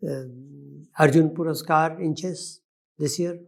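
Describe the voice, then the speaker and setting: A man with an Indian accent putting formal questions as an interview panelist, halting and often rephrasing himself. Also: a little high, fairly even intonation, gravelly. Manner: halting, repeats and reformulates questions.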